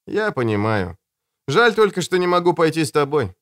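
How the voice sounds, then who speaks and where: Brief: a man doing an earnest teenage boy inventor in an audiobook, a bit higher than the narrator's own voice, dry studio sound. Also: sing-song, normal speed, fairly bright tone, no echo. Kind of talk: audiobook character voice.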